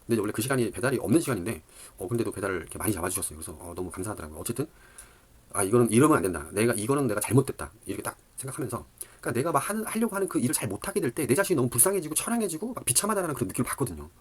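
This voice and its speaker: A middle-aged man who lectures on dating, telling a rambling story in a casual monologue, full of fillers and animated asides. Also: medium pitch, rapid-fire, breathy edge.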